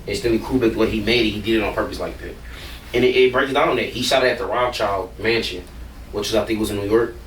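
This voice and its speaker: A man's voice: on the low side, fast, echoey room, far from the mic, slight background noise. A man, a rapper, talking casually and bluntly in an interview, rambling and swearing freely.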